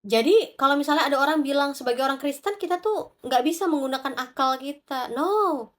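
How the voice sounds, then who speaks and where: A woman with a high, bright-pitched voice delivers a devotional sermon. She speaks with animated, searching energy and talks straight to her listeners. She acts out short quoted prayers and voices as she goes. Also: a little fast. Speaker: preacher.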